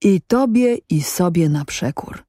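A stubborn, secretive storybook man, voiced by a reader, who answers in blunt, clipped lines. The tone is husky and mellow, and it sounds dry and close. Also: medium pitch, lively intonation, unhurried, no echo. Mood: curt stubborn. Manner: terse, blunt replies. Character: stubborn, curt mysterious man.

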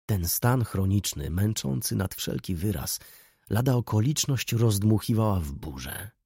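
A man's voice: fairly low pitch, lively intonation, unhurried, gravelly, a little mellow, husky, no room sound, clean studio sound, heavily acted. A man reading an audiobook, voicing a restless, brooding middle-aged merchant who speaks with passion.

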